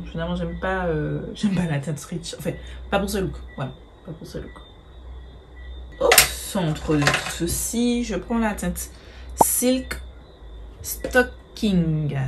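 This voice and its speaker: Casting note: woman, low-ish voice, chatty makeup vlogger who hesitates a lot and swears casually, slight background hiss. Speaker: beauty vlogger. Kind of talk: casual makeup tutorial chat.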